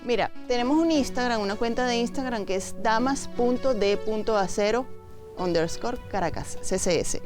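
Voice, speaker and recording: A woman's voice: on the high side, normal speed, music in the background. A Venezuelan woman, founder of a women's biker group, chatting in an interview and acting out the voices in her stories. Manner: lively storyteller, acts out quotes. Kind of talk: casual interview chat.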